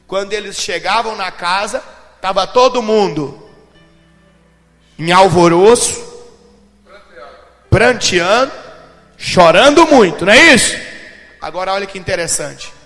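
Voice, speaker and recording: A man preaching a sermon as pastor, dramatic, moving between shouted lines and low, intense speech. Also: lively intonation, a little slow, long pauses. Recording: long hall reverb with faint music.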